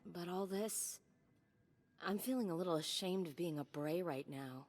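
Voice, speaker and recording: A woman's voice: on the low side, normal speed, darkish tone, close to an everyday voice. An actress playing a hurt, defensive young woman confronting her family. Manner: emotional, defensive. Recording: game cutscene with long reverb.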